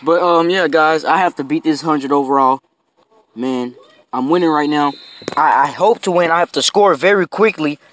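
A man giving casual commentary over his own video game match, excitable and quick to yell in frustration, saying "bro" constantly. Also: on the high side.

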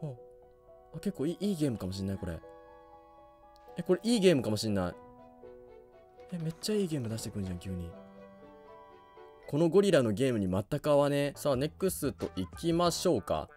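A man giving let's play commentary on a video game, reacting loudly and laughing often. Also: medium pitch, big pitch swings, quick pace, pauses often, faint music behind. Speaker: gaming YouTuber.

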